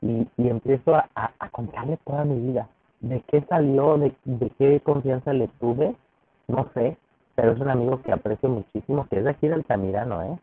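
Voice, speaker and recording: A man's voice: medium pitch, a little fast. A man with a Mexican accent tells a personal story in a casual interview, often restarting his sentences and acting out what others said. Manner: frequent restarts, acts out quoted dialogue. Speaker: podcast guest. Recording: tinny phone-like dry sound.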